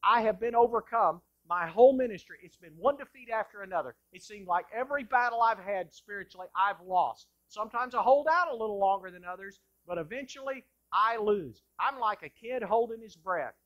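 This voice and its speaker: A male pastor delivering an impassioned sermon in a church sanctuary, moving between loud bursts and hushed lines. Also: sits high, expressive, a little fast, hardly any pauses, muffled recording.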